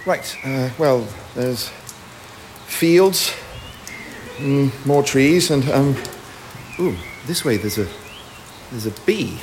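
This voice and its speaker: An actor playing a nervous, stammering young pilot in a radio sitcom. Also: male voice, mid-range voice, very slow, long pauses, a little mellow, slight background noise. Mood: flustered. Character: timid, flustered young male pilot.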